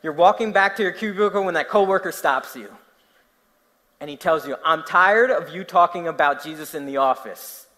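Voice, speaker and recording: A young man with a New Jersey accent, from that state, preaches at normal speed in a voice on the high side. Long hall reverb surrounds his animated storytelling and the questions he poses to the audience.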